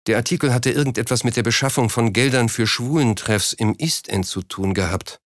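A man reading a story aloud in a steady, measured scripted narration. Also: medium pitch, no room sound, clean studio sound. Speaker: audiobook narrator.

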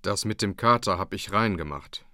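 Gruff old farmer father, read by a man. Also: on the low side, moderate pace, pushed and bright, no echo, clean studio sound, pitched below the performer's own voice. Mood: stern.

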